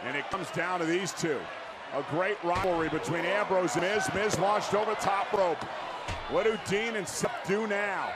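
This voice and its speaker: A man calling a wrestling match live as play-by-play commentator, with excited, emphatic and dramatic calls. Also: high-pitched, normal speed. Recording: loud noise behind the voice. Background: wrestling arena noise and slams.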